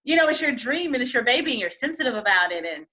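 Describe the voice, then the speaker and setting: A woman hosting a podcast, chatting casually with her guest, encouraging and quick to laugh. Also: fairly high pitch, sing-song, lo-fi sound. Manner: warm, encouraging, laughs easily. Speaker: podcast host. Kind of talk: casual interview chat.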